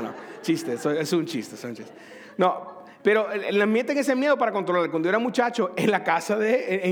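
A middle-aged man from Cuba preaching a sermon in a conversational way, asking the congregation questions and joking with them. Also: sits high. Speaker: pastor.

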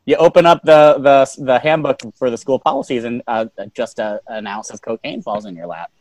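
Deadpan joking man in his thirties. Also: medium pitch, a crowd in the background. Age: 30s. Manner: dry, deadpan joking with "uh" pauses. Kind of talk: casual chat.

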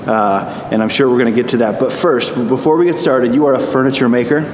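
A man hosts a podcast with casual, conversational interviewing. His mid-pitched voice rings with a hallway-like echo in a big showroom, with clear noise behind it. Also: fairly even intonation, a little fast, a little mellow. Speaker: podcast host. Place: large echoey furniture showroom.

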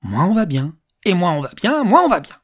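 A narrator voicing a jovial, eccentric old man who teases strangers loudly and theatrically in an audiobook. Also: medium pitch, very animated, fairly quick, voice pushed up. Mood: loud, teasing. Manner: loud, theatrical, teasing. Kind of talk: audiobook character voice.

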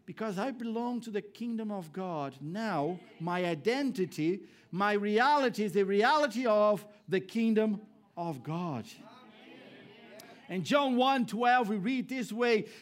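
A man from Brazil, a pastor preaching a sermon to a congregation, swinging between emphatic raised lines and low hushed ones. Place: church hall before a congregation.

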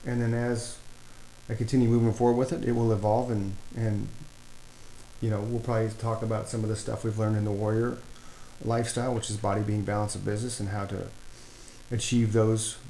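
A man's voice: lowish voice, little pitch movement, fairly quick, dark tone. A middle-aged man hosting a casual podcast, rambling with many fillers and restarts. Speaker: podcast host. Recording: echoey room, faint background noise.

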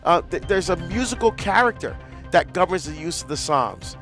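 A man's voice: sits high, lively intonation, normal speed, soft background music. Earnest Barbados-born man hosting radio. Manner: earnest, warm storytelling with frequent restarts. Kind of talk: live call-in radio talk.

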